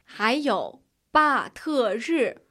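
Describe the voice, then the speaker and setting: Slow, lilting strict tutor, drills each line. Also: female voice, a little high, very animated, sharp tone, heavily acted. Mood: instructive. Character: strict young female Chinese tutor. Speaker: tutor in a lesson dialogue.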